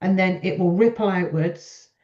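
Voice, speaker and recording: A woman's voice: fairly low pitch, moderate pace, a little mellow. A woman hosting a casual chat, effusive and encouraging towards her guest. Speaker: podcast host. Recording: echoey room, slightly dull audio.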